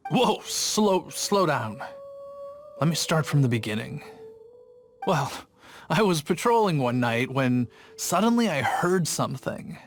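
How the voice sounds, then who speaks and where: In a game cutscene with faint music, an actor voices an earnest young male city gate guard telling a story in an eager, rambling way. His voice is fairly high, very animated, and a little slow.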